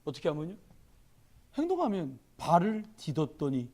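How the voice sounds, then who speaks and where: A middle-aged man preaching a sermon as pastor, telling stories with lively quoted dialogue. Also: a little high, moderate pace. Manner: animated storytelling, shouting in quoted dialogue.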